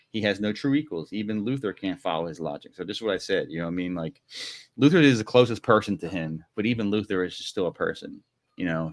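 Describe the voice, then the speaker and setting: A man co-hosting a podcast, recapping a book in rambling casual chat full of "like" and "you know". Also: sits low. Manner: rambling, many "like"s and "you know"s, quick acted quotes. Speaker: podcast co-host.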